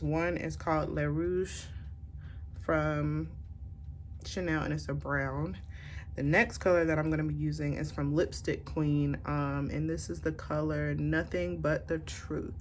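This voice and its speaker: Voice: mid-range voice, slight background noise. A makeup tutorial host chatting casually, with a sassy, campy, playful manner. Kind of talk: casual chat while doing a makeup tutorial.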